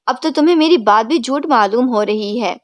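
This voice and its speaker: A woman's voice: on the high side, expressive, no room sound, close to an everyday voice. A woman voicing a fierce, doting older mother who scolds her husband in an angry tone. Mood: scolding.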